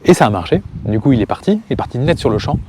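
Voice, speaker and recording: A man telling a personal story to camera in a casual way, stopping calmly to give viewers advice. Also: mid-range voice, racing, very noisy. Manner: calm, advice-giving aside to viewers. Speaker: family and parenting vlogger.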